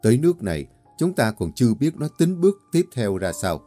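A man voicing a grave, commanding old male folk exorcist, speaking slowly and with weight. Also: mid-range voice, very animated, warm tone, soft background music. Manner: slow, weighty, authoritative.

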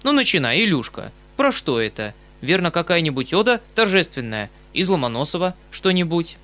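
Пожилой отставной полковник в исполнении чтеца: громкий, высокий, восклицающий, добродушно-суетливый. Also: male voice, a little high, big pitch swings, moderate pace, a bit bright, voice pushed up. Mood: excited. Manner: exclaiming, fussy, eager. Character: excitable good-natured retired male colonel, older.

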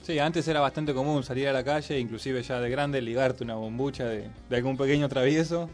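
A man from Argentina, co-hosting a casual local radio show, relaxed and wry while reading announcements. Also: mid-range voice, a little fast, faint music behind. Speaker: radio host.

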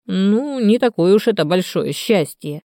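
A woman voicing a hoarse, half-drunk old male canal watchman who grumbles slowly and muses aloud. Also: fairly low pitch, dark tone, dry recording, studio quality, natural voice. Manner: grumbling, slow and musing.

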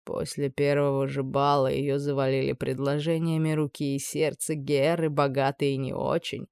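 Brief: woman reading as sinister male judge, slow, hushed, dry close sound. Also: little pitch movement, clear, resonant tone, dry recording. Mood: menacing, purring. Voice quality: low, purring, insinuating. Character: menacing scheming middle-aged male high judge.

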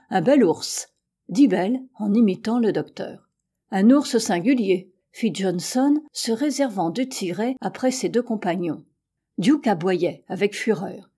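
Mellow-voiced woman reading a novel aloud. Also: medium pitch, slightly rough. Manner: steady, measured reading, lifting slightly louder for the characters' quoted lines. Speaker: audiobook reader. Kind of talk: scripted narration of a classic novel.

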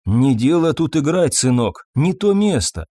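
Мужчина в роли усталого робкого официанта. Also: male voice, on the high side, sing-song, dark tone, dry recording. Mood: weary. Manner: slow, weary, pleading speech. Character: tired, timid, guilt-ridden middle-aged waiter.

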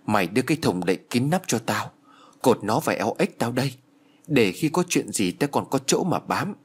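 A man voicing a panicked, sharp-tongued wealthy older village woman in a spoken horror story. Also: medium pitch, big pitch swings, moderate pace, breathy edge. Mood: commanding.

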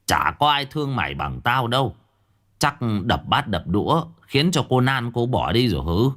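A man's voice: medium pitch, sing-song, normal speed. A man voicing a rowdy, nagging drunken village neighbor in a spoken ghost story. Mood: gruff coaxing. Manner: loud, nagging, slurring banter.

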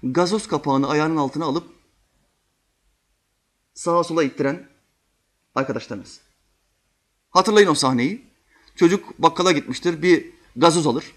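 A man giving a religious sermon, telling vivid stories and acting out quotes, swinging between loud and hushed. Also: a little high, measured pace, long pauses. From Turkey. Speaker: preacher.

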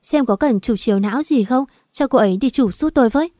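A woman's voice: fairly high pitch, quick pace, warm tone, no room sound, studio quality, natural voice. A woman voicing a sly young female rival who feigns concern in an audiobook. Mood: fake concern. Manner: smooth, falsely concerned. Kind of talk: audiobook character voice.

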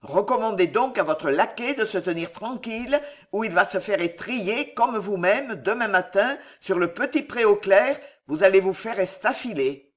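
A man voicing a cool, wry young chevalier who taunts noblemen before a duel. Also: sits high. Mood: calm. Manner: calm, wry, unhurried.

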